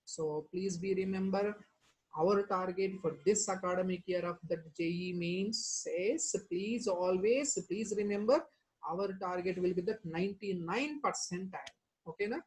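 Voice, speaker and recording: A woman's voice: mid-range voice, moderate pace, rough recording. Indian woman teacher with a South Indian accent. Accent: South Indian, Telangana. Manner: repetitive, with rhetorical questions and verbal tags. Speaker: chemistry teacher. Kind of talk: online exam-prep lecture.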